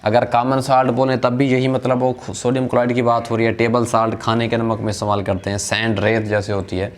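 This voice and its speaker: A man's voice: medium pitch, little pitch movement, a little fast. A man teaching a chemistry lesson. He poses rhetorical questions and answers them himself, and calls the listener brother. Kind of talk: classroom lecture.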